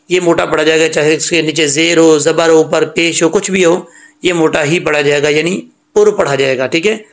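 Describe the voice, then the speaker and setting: A man teaching correct prayer recitation, drawing words out slowly and then explaining mistakes in plain talk. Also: on the high side, a bit bright. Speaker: tajweed teacher. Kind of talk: slow recitation lesson with corrections.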